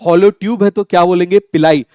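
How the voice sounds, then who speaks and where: A young Indian man teaches biology to exam students, firing the same question again and again until the class answers. His voice sits high, smooth and clear, and it is recorded close and dry with no room around it. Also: steady tone, a little fast, a little mellow, no room sound. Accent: Indian English. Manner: drills students with repeated call-and-answer questions. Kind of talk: online exam-coaching lecture.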